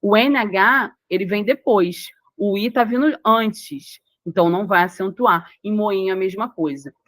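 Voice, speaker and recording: In an unhurried, fairly bright mid-range voice without echo, a woman with a Brazilian Portuguese accent prepares learners for an exam through grammar. She breaks rules down step by step, comes back to key words and asks whether the listener is following.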